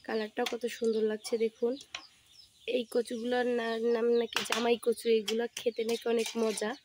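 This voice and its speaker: A woman vlogger talks her viewers through a home recipe in a steady step-by-step way. Her voice sits high and stays flat in tone. The recording has plain background noise from a rural kitchen. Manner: steady step-by-step narration, addresses viewers as friends. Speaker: cooking vlogger. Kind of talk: casual cooking demonstration. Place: home kitchen with a wood-fired stove.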